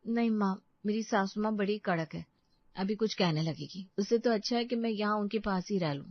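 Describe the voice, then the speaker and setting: A woman doing an excitable, emotional young bride. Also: medium pitch, moderate pace, no room sound, lightly acted. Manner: shy, excitable, tearful. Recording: dry, slightly dull lo-fi audio.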